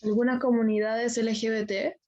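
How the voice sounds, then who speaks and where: A woman's voice: fairly high pitch, little pitch movement, normal speed, warm tone, highs cut off. Casual woman student on a call. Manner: casual, conversational. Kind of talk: online class discussion.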